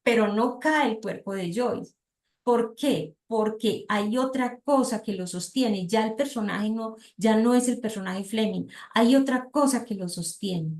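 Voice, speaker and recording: A woman's voice: a little high, measured pace, darkish tone. Colombian woman lecturing, reading aloud. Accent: Colombian Spanish. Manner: diminutives, frequent checking questions. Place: lecture or seminar room.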